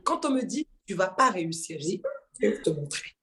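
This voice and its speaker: A singer from Mayotte, appearing as a guest in a casual interview, tells her story in a lively way, acting out dialogue and laughing often. She has a lowish voice and speaks fairly quickly.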